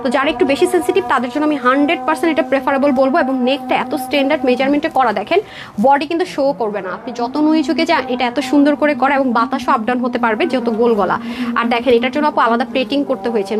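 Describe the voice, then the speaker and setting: On a live stream, a Bangladeshi woman sells clothes, modeling a dress in an indoor room with a door. She pitches quickly and persuasively in a voice that sits high, calling viewers sister and mixing in English words.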